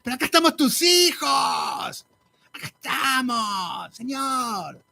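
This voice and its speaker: A man putting on a tearful churchgoer who prays in a sobbing, drawn-out, pleading way. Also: very high voice, animated, creaky, bright, forceful tone, shouting, pitched above the performer's own voice, full character voice. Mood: mock weeping. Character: whiny tearful churchgoer praying theatrically.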